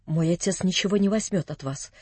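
A man's voice: high voice, a little fast, a little mellow, husky, dry recording. A man reading an audiobook, voicing a proud, wounded young woman who curtly demands to be left alone. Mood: cold, weary. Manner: curt, pleading to be left alone.

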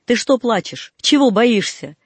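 A fierce young woman bursts out in scorn and defiance, as a man reads her part. The voice sits high and a little husky, and the recording is close and dry with no room sound. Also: animated, a little slow, dry recording, exaggerated voice. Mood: urgent. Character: fierce proud young woman, wild and imperious.

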